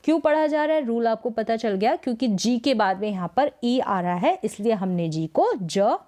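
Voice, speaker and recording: A woman's voice: fairly high pitch, lively intonation, moderate pace, warm tone. Woman, English teacher, Hindi lesson, repeats words, quizzes listeners. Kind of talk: explaining pronunciation rules.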